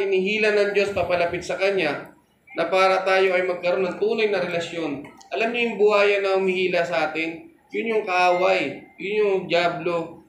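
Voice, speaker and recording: A man's voice: high-pitched, fairly bright tone, roomy sound, a little hiss or hum, poor audio. A man preaching a sermon as pastor, telling a story and calling out to the congregation for amen.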